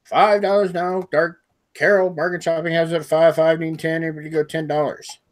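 A man's voice: a little high, fast talker. A man hosting a live online auction, calling bids over and over with chatty asides between them. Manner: steady repetitive bid calling, chatty asides. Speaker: auctioneer and show host.

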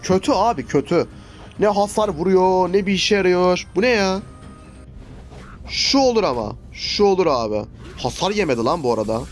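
A young man with a slightly high voice gives casual gameplay commentary, grumbling and exclaiming as the fight goes against him. Soft game music plays faintly behind him. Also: expressive, moderate pace. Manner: frustrated, swearing, exclaiming at the game. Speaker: gaming YouTuber.

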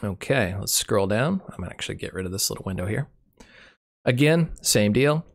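This channel host from Michigan is sick with a cold and his voice is going, yet he talks through a screen share animatedly and a little fast, improvising, fixing his own slips, and using dry humor. His voice is lowish with vocal fry.

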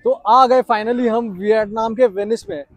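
एक युवा पुरुष ट्रैवल व्लॉगर, बाहर पर्यटन पार्क में कैमरे से बोलते हुए, उत्साह से बातें करता है और हिंदी में अंग्रेज़ी शब्द मिलाता है।. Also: male voice, extremely high pitch, measured pace, no echo. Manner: chatty, excited, mixes English into Hindi. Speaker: travel vlogger. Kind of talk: casual travel vlog.

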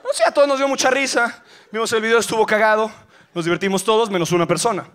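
A male stand-up comedian with a Mexican accent, delivering an animated, slangy live set on stage. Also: sits high, quick pace, some chatter behind. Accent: Mexican Spanish. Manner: animated, slangy, acting out voices.

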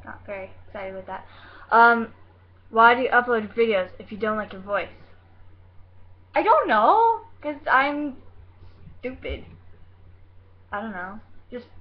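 A woman's voice: fairly high pitch, muffled recording. A teenage girl vlogging from her bedroom into a webcam, rambling and giggly, scattered and hyper as she answers questions. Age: teens. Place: bedroom at home. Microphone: computer webcam mic.

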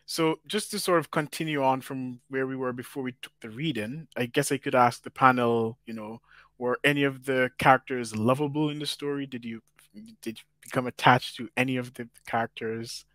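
A man's voice: medium pitch, steady tone, moderate pace, a bit bright, no echo. Male host, panel discussion, conversational, dry close recording.

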